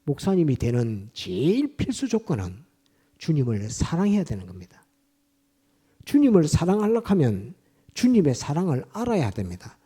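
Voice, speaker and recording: Man, pastor's sermon, very dark mellow tone, fairly high voice, emphatic storytelling. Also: wildly swooping pitch, moderate pace, slightly rough. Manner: emphatic, retells scripture scenes with vivid storytelling and repeated points. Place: church.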